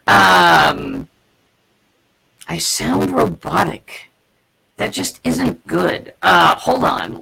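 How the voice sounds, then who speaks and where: A host talks casually to online viewers, stopping and restarting, with plenty of fillers. The audio is crushed into a robotic, glitchy digital texture with static and sounds distant. Underneath, the voice has a gravelly edge. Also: mid-range voice, pushed and bright. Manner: halting, with many fillers and restarts. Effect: robotic, bitcrushed, glitchy digital audio. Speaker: host of a live online marketing show. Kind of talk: casual live-stream talk to viewers.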